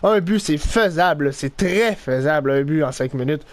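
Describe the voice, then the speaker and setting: A young man with a Québécois French accent giving excitable live commentary over his own hockey video game, swinging between groans and shouts. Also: a little high, normal speed, slight background noise. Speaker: gaming YouTuber.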